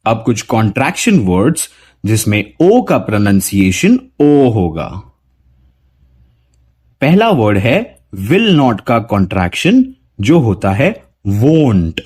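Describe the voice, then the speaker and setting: A man teaching English pronunciation to Hindi speakers, saying sample words one by one with deliberate, drawn-out care. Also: breathy edge. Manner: drawn-out word examples with a lively rising pitch. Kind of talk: slow, deliberate pronunciation lesson.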